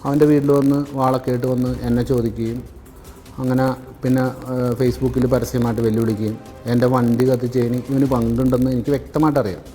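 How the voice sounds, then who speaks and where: A man's voice: mid-range voice, level tone, fast, dark tone, faint music behind. Defensive man. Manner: defensive, rambling, asks questions back. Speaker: interviewee. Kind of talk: phone-in news interview.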